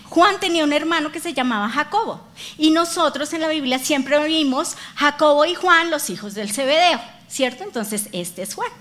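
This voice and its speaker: A woman's voice: sits high, lively intonation, moderate pace, a bit bright. A woman pastor preaching a sermon, telling stories animatedly and talking straight to her congregation. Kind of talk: lively sermon with acted-out dialogue. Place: church.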